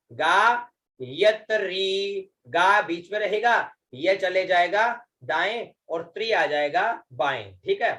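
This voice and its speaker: A man's voice: high voice, fairly bright tone. A man teaching Vedic recitation in an online class, speaking patiently, checking in with the students again and again, and drawing out chanted syllables. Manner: slow, patient, repeats words and drawn-out chanted syllables; frequent checking fillers.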